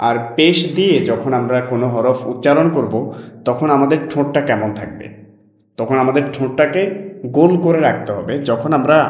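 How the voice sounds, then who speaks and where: A man teaching Quran pronunciation, drilling Arabic letters slowly and clearly, then explaining in quicker asides. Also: medium pitch, reverberant.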